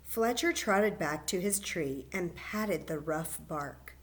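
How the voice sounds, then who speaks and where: Here a woman hosts library story time, reading a children's tale aloud with plenty of expression. She talks with the young listeners and coaxes them along with questions. Her voice is fairly low and her pace slow.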